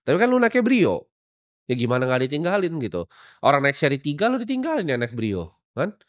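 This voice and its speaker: A man's voice: fairly high pitch, huge pitch swings, fairly quick, no echo, studio quality. A young man delivering a blunt, scolding motivational rant as a podcast host, full of slang and confrontation. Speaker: podcast host giving life advice.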